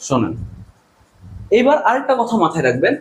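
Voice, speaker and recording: A man's voice: sits high, sing-song, fairly quick, slight background noise. A man teaching English grammar to a class, repeating his questions and answering them himself in call-and-response drills. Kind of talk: classroom lecture.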